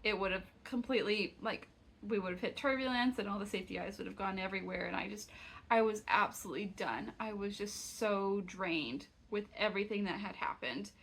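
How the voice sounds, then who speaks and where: A woman's voice: medium pitch, a little fast, creaky, fairly bright tone, breathy edge. A young woman crochet vlogger telling a travel story in a chatty, exasperated way, full of "like" fillers. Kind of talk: casual storytelling vlog.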